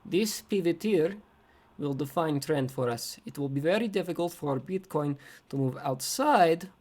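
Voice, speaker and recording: A man's voice: on the high side, expressive, a little slow, a little mellow. A man putting on an as a clipped trading analyst who drops his articles and keeps asking "right?". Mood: lecturing.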